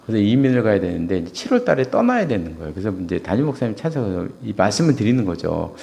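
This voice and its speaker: A middle-aged man preaching a sermon in a church, telling stories and acting out quoted dialogue, rising to loud exclamations and dropping to quiet asides. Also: sing-song, fast talker, creaky. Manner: swings between loud raised exclamations and quiet low asides; storytelling, acts out quoted dialogue. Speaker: pastor. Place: church sanctuary.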